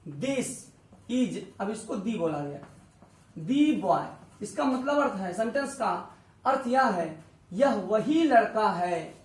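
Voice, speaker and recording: Slow, patient male teacher in echoey room. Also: high voice, sing-song, recorded from a distance. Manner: slow, repeats each point, asks if it is clear. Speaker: English teacher. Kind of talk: classroom grammar lesson.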